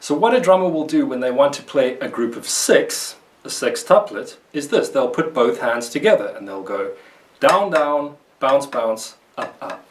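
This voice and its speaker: A man's voice: medium pitch, sing-song, normal speed, few pauses, recorded from a distance, a little hiss or hum. A male guitar teacher explains technique in a patient, methodical way and counts along with his demonstrations. His voice sits in the middle range and is heard a little off-mic in a roomy space, with guitar playing behind him. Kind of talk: instructional video lesson. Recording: roomy sound, voice a bit off-mic.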